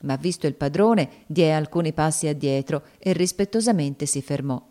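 A woman narrating a novel in a measured, solemn audiobook reading. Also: sits low, warm tone.

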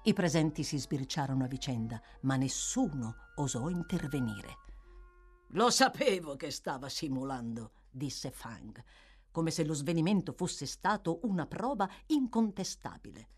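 A woman narrating an audiobook with an expressive, dramatic reading. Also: low-pitched, normal speed, breathy edge, soft background music.

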